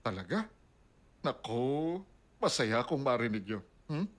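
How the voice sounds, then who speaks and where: A man's voice: mid-range voice, sing-song, a little slow. Doting old grandfather. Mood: fond. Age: older. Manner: effusive, sighing praise. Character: doting elderly grandfather, warm and easily pleased. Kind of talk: Tagalog drama dub.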